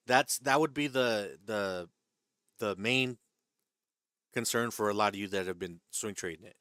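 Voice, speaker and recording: A man's voice: on the low side, a little slow, bright, forceful tone, no echo, clean studio sound. A man hosting a live trading stream who reads viewer questions from the chat and explains the rules, often checking in with "right?" and "okay?". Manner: hedging, repeats himself, checks in with "right?" and "okay?". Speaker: stock trading livestream host.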